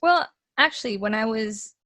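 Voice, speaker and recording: A woman's voice: on the high side, normal speed, dry recording. A young woman from Mexico, an actress talking candidly in an interview over a video call, often restarting her sentences. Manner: candid, animated, with many restarts. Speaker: actress and guest. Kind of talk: casual interview conversation.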